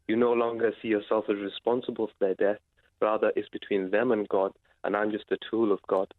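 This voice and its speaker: A man calling in to a radio show, speaking haltingly with many fillers and pauses. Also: lowish voice, level tone, no room sound. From Britain. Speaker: caller. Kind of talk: phone-in radio call. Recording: tinny phone line.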